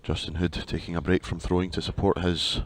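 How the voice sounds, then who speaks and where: Darts commentator, male, low pitch, wry and chatty live play-by-play on a headset. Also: level tone, fairly quick. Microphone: headset at commentary position.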